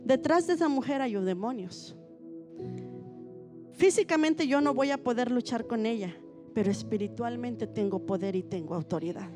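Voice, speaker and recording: A woman's voice: fairly high pitch, expressive, normal speed, music in the background. A middle-aged woman pastor, telling a personal story in a sermon and building into fervent preaching.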